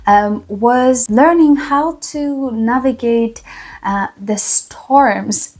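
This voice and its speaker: Speaking to camera as a vlogger, this Polish-accented woman from a small Polish town shares an earnest, reflective testimonial. She pauses thoughtfully and haltingly, and her voice sits a little high.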